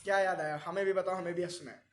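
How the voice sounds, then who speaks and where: A man's voice: high voice, steady tone, fast talker, reverberant. A man teaching a networking class, explaining step by step and often quizzing his students with questions. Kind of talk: classroom lecture.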